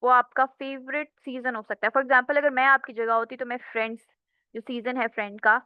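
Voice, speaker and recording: Female teacher, higher voice, lecture delivery, dry close sound. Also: steady tone, normal speed, clear, resonant tone, dry recording, highs cut off. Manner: explains step by step, often checks in with the class. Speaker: English teacher. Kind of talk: classroom lecture mixing Hindi and English.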